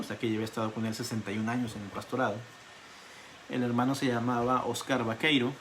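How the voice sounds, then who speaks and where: A male pastor giving an online Bible study sermon, telling stories in an animated way and repeating words for emphasis. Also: medium pitch, slight background noise. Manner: animated storytelling with emphatic repetition.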